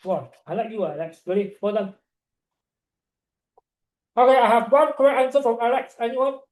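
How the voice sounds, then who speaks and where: A young man with a Malaysian accent tutoring online in informal, Singlish-like English full of local particles, animated and encouraging. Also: very high-pitched, moderate pace, reverberant, rough recording. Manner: animated, encouraging, peppering talk with "right" and "ah". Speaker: chemistry tutor.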